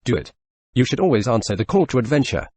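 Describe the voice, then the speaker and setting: A synthetic male text-to-speech voice narrating forum posts, reading short posts back to back in even sentences. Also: medium pitch, fast, husky, no room sound.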